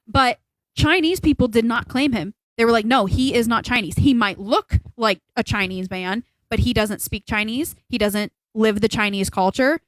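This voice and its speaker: A young woman co-hosting a casual podcast, her voice sitting a little high. She rambles through her opinions and leans hard on her points. The sound is dry and close, with no room echo. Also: normal speed. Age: young adult. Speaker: podcast co-host. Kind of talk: casual chat.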